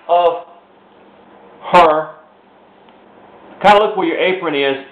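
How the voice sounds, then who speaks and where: A man teaching woodcarving in a casual step-by-step demonstration, talking as he works, pausing and restarting his sentences. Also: fairly high pitch. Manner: talks while carving, pausing and restarting sentences. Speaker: woodcarving instructor. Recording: roomy, dull lo-fi home video recording.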